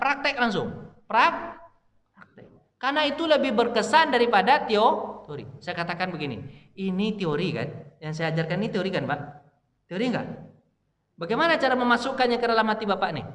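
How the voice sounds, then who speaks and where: A man's voice: high-pitched, fairly bright tone. A man giving a casual mosque lecture, talking to the congregation and asking them questions he answers himself. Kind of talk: casual sermon to a dawn congregation. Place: mosque hall. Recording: echoey mosque hall.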